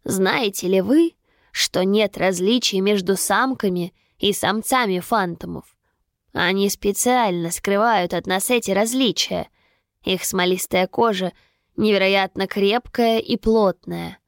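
A woman voicing a calm, ominous male professor who lectures in a slow, measured way. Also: mid-range voice, no echo, clean studio sound, lightly acted. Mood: lecturing.

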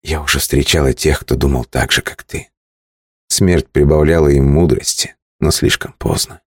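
Bitter captive maiden, defiant, hushed and low, put on by a man with a very deep, close, dry voice; storybook reading. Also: steady tone, moderate pace, slightly rough, dry recording.

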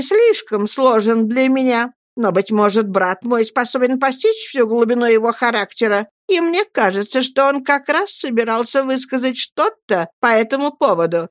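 Женщина изображает надменную язвительную старую деву. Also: female voice, a little high, dry recording, clean studio sound, pitched above the performer's own voice, natural voice. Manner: cutting, condescending. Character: stern spinster sister, sharp and haughty.

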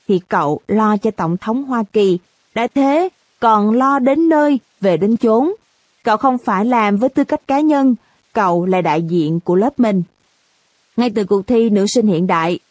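A woman's voice: fairly high pitch, a little mellow, dry recording. A woman voicing a bold, boastful teenage classmate who praises a friend in a storybook reading. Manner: fiery, proud speechmaking.

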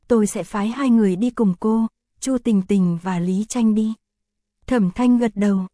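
A woman narrating an audiobook chapter in an even, unhurried reading voice, voicing the characters' lines in her own voice. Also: mid-range voice, no room sound, clean studio sound.

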